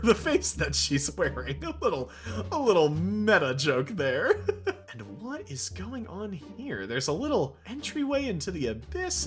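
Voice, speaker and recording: A woman giving casual, playful commentary on her gameplay, giggling often as she chats. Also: on the low side. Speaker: gaming YouTuber.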